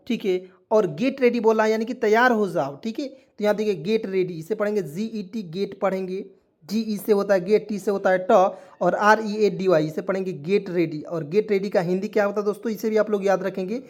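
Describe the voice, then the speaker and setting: A man teaching English phrases in Hindi, spelling each word out letter by letter and repeating every meaning slowly, often asking his listeners if they follow. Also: sits high. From rural India.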